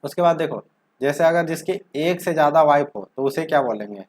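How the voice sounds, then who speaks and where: Man teaching vocabulary, slightly high voice. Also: lively intonation, fairly quick. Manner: asks questions and answers them himself, stretches words as he says them. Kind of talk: explanatory lesson with questions to the viewer.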